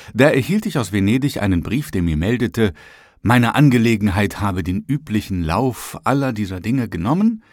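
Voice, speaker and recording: A man narrating an old memoir as an audiobook, in a measured, even reading. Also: sits low, no room sound, studio quality.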